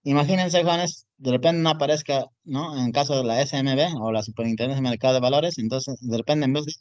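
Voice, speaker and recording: A man's voice: mid-range voice, a little mellow, dry recording. Male teacher, typing as he explains, always asking students if they follow, dry muffled recording. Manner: repeats "jóvenes" and "¿no es cierto?" often; talks while typing on screen. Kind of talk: online class lecture.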